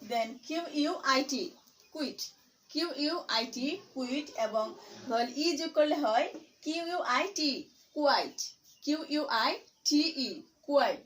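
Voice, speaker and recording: A woman from Bangladesh, teaching English pronunciation by spelling out letters and repeating each word slowly. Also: high voice, fairly bright tone, slight background noise, poor audio. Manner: slow, deliberate spelling and repetition.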